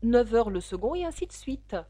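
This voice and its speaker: A woman voicing a sighing, mournful sea creature in a storybook reading, with a lively, plaintive lilt. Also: on the high side, moderate pace, no echo.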